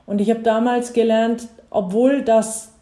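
A woman's voice: on the high side, level tone, unhurried, dark tone. A woman interviewing a guest, with a supportive and affirming manner. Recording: roomy echo.

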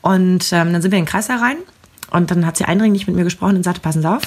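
A woman's voice: fairly low pitch, quick pace. A woman co-hosting a podcast, telling a personal story vividly and emotionally, acting out the dialogue as she goes. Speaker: podcast co-host.

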